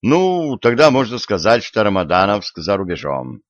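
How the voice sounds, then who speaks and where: A man's voice: lowish voice, big pitch swings, moderate pace, no echo, lo-fi sound. Man voicing a fed-up modern journalist. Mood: weary. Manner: plain modern talk, weary and patient. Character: exasperated modern male journalist.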